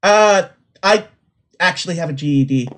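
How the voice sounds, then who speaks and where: A man's voice: on the high side, normal speed, fairly bright tone, lightly acted. A man voicing a nervous fourteen-year-old secretary in a tabletop game, hesitant, stammering, earnest and deferential. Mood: hesitant, curious.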